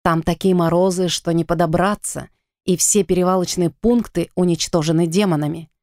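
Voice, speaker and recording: A woman reading the part of a gruff male warrior leader who barks orders. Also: fairly low pitch, fairly even intonation, moderate pace, darkish tone, no echo, studio quality, lightly acted. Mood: thoughtful. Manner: barking orders.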